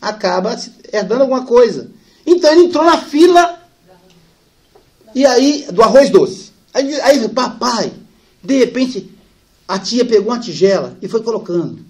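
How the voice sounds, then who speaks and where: A man giving a spiritist lecture, telling family anecdotes lively and softening for the sad parts. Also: extremely high pitch, moderate pace. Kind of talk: storytelling lecture.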